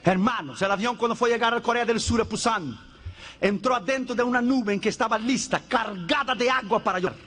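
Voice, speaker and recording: High-pitched, fervent preaching man. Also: brisk. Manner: fervent, frequently shouting; animated storytelling with acted dialogue. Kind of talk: sermon.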